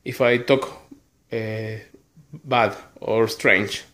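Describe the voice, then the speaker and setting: Speaking casually to camera, a man with a lowish, steady, fairly bright voice presents his collection haul, naming each title in turn with hesitant apologies. He is an Argentine native Spanish speaker with an Argentine accent, recording indoors in a small bedroom with noticeable echo.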